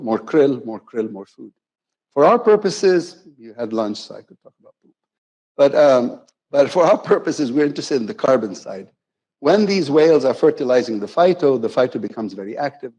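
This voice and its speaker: A man's voice: medium pitch, dark tone, poor audio. A man giving a conversational, playful conference keynote, often correcting himself mid-sentence. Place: conference hall.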